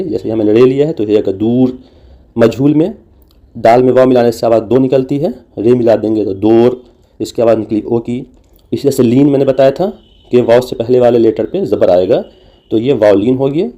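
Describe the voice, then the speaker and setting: Dark-voiced man teaching patiently. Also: medium pitch. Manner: patient, repeats examples slowly, with fillers. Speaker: language teacher. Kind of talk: explanatory lesson.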